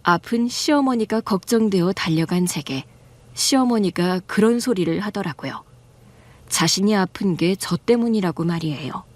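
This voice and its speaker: A woman narrating a first-person story in a calm, confiding tone, like an audiobook. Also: medium pitch, normal speed, no echo.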